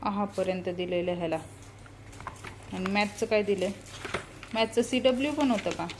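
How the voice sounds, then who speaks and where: A young woman with a Marathi accent chatting in a family vlog, talking softly to the camera and calling out loudly to her small children. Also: mid-range voice, normal speed, background noise. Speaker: vlogger and mother. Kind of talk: casual family vlog chat. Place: home and school grounds.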